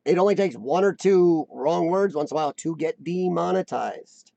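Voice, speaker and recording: Rambling through a laid-back live-stream chat, the host jokes at his own expense and keeps doubling back on what he says. His voice is fairly high, raspy, and warm, at a normal pace. It's recorded dry and close, though it sounds muffled.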